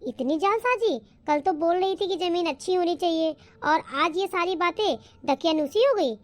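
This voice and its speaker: Woman voicing an indignant young wife, high-pitched. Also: normal speed. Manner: protesting, sharp complaints. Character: indignant young wife, daughter-in-law, fed up.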